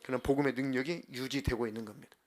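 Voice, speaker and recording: A male pastor preaching a sermon in church, acting out heartfelt prayers and swinging from soft to loud. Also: medium pitch, fairly even intonation, quick pace. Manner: acts out prayers and inner voices with big swings in loudness. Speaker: senior pastor. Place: church sanctuary.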